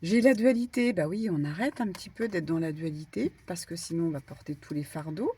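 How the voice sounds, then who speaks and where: Husky-voiced French woman reading cards. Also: on the low side, brisk. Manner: animated, stumbling, with fillers and bursts of laughter. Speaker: medium giving a card reading. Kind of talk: spiritual guidance talk, casual.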